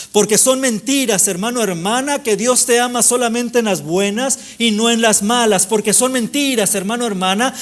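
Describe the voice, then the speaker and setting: A man preaching a sermon to his congregation, in a repetitive cadence that falls softer at the end of each phrase. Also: sits high. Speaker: pastor.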